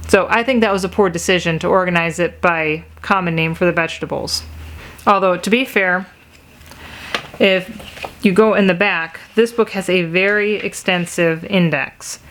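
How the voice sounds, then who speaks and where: A woman's voice: fairly low pitch, steady tone, normal speed, fairly bright tone, slight background noise. A woman giving a frank, casual book review, critical and mildly exasperated as she pages through a book.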